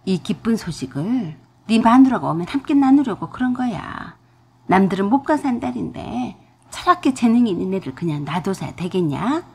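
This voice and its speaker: A greedy, overbearing older mother-in-law, put on by a woman reading a radio drama. She scolds and wheedles with a husky, breathy edge. Her pitch rises and falls widely through each demand. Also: sing-song, moderate pace, full character voice. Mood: wheedling. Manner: domineering, scolding, shouting.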